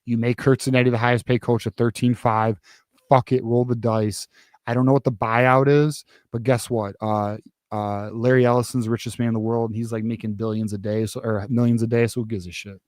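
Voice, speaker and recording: A man's voice: medium pitch, level tone, a little fast, darkish tone, no room sound, studio quality. A man hosting a postgame sports talk show, ranting casually with profanity and frequent restarts. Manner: profane, heated, rambling with many restarts. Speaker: podcast host.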